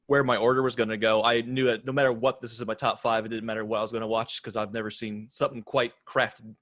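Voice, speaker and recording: A man's voice: lowish voice, little pitch movement, fast, fairly bright tone, no room sound. Laid-back guy running the podcast rundown, dry close mic. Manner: easygoing, steers the segments. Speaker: podcast co-host. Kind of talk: casual chat.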